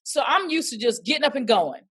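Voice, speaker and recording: A woman talks casually as an interview guest, with a voice sitting a little high. She tells her stories with life and slips into playful quoted voices. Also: a little fast, slightly rough. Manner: lively storyteller who acts out quoted voices.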